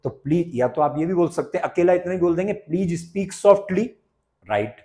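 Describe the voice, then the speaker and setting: Lively Indian male English teacher. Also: high voice. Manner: explains in Hindi, repeats English phrases very slowly and clearly. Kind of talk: spoken English lesson.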